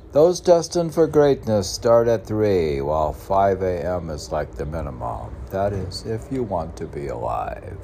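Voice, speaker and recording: A middle-aged poet reads his own verse aloud, declaiming the lines and muttering spontaneous asides to himself. His voice is fairly low with a dark tone, and faint background noise is audible.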